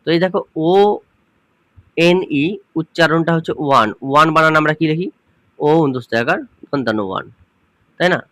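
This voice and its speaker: A man's voice: fairly high pitch, moderate pace, long pauses, a bit bright, dry recording. Patient male grammar teacher. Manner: patient, repeats points and asks the class questions; addresses viewers informally as students. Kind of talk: explaining a grammar lesson.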